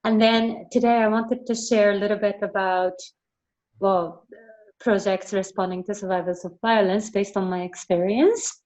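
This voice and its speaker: A woman's voice: medium pitch, fairly even intonation, normal speed, a little mellow. A young woman from Japan who grew up in the Netherlands, a guest speaker on a video call, polite and a little hesitant, with fillers. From Japan, raised in the Netherlands. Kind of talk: online meeting talk.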